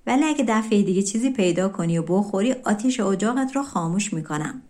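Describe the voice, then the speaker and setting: A woman's voice: medium pitch, lively intonation, darkish tone, lightly acted. A woman voicing a sulky house cat in a storybook folk tale, reproachful and threatening.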